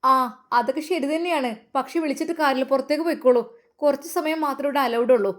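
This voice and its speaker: A woman's voice: high-pitched, quick pace, voice pushed up, lightly acted. A woman voicing a brusque female nurse who scolds visitors in a raised voice. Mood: scolding.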